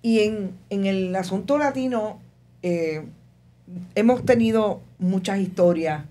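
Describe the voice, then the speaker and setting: A woman host asking formal, measured interview questions. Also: mid-range voice, mellow.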